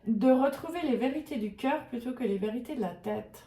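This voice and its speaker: Woman doing a card reading, lots of euhs, searching for words, soft mellow voice, a bit far off in an echoey room. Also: fairly high pitch, brisk. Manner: hesitant, searching for words with many fillers. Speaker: tarot and oracle card reader. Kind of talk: intuitive card reading to camera. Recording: roomy echo, voice a little far from the mic.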